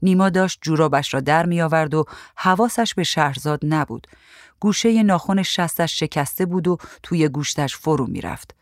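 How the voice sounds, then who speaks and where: A woman reading a story aloud in a calm, even voice. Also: deep voice, no echo, clean studio sound. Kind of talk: storybook narration.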